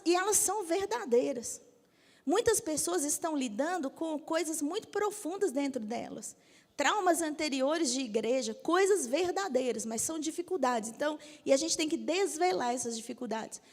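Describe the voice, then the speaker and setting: Methodist bishop woman preaching in a hall. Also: very high voice. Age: 50s. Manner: direct, asks the audience for agreement. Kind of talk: sermon. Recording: long hall reverb.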